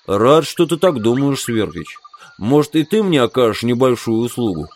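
A man voicing a gruff, cynical tough soldier who talks bluntly. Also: mid-range voice, sing-song, moderate pace, a little mellow.

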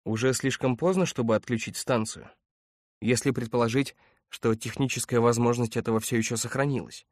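A man voicing a calm, precise male android officer who speaks in a measured, clinical way. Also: mid-range voice, dry recording, studio quality, natural voice.

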